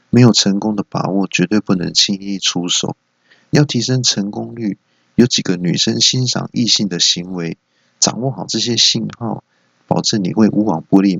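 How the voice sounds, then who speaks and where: A man's voice: normal speed, vocal fry, a bit bright, slightly rough, no room sound, muffled recording. A man hosting a solo comedy podcast with a Taiwanese Mandarin accent, telling office jokes and acting out the people in them. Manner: storytelling, voices characters with high squeaky outbursts. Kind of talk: solo comedy monologue with acted quotes.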